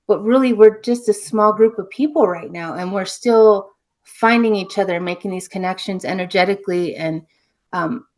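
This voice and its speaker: A woman from New Mexico, a spiritual healer guest, telling her story in an earnest, reflective way that often trails off softly. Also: medium pitch, normal speed. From New Mexico, USA. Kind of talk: casual interview storytelling.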